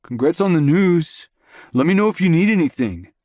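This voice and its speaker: A man's voice: lowish voice, moderate pace, warm tone, dry recording, studio quality, close to an everyday voice. A man voicing an awkward, easygoing male teammate in an audiobook, hesitant and uncomfortable. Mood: friendly. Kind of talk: audiobook character voice.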